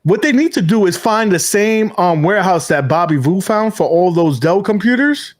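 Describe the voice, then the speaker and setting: A man co-hosting a casual gaming podcast, his voice sitting a bit high for a man. He rambles in an animated way, restarting sentences and dropping the odd curse word. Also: normal speed. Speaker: podcast host. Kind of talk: casual chat.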